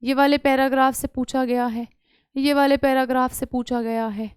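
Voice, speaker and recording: A woman teaching an English exam lesson online, mixing Hindi and English and coaxing students with quick questions. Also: sits high, little pitch movement, clear, resonant tone, no room sound, clean studio sound.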